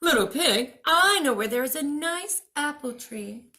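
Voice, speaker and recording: A woman voicing a loud, hungry, scheming male storybook wolf who coaxes and threatens in a booming way. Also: animated, measured pace, heavily acted. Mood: sly coaxing. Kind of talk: storybook read-aloud.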